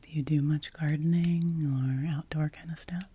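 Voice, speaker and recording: A woman doing a whispered role-play as a hairdresser in a soft, breathy ASMR whisper, soothing and gently repeating short phrases. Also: sits low, steady tone, normal speed, a little hiss or hum. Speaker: ASMR creator playing a hairdresser.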